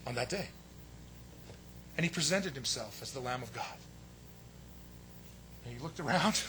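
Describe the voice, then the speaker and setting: A man preaching a sermon with emphatic delivery, swinging between loud stressed phrases and hushed asides. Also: medium pitch, slight background noise. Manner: acts out quotes in a raised voice. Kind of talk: sermon teaching.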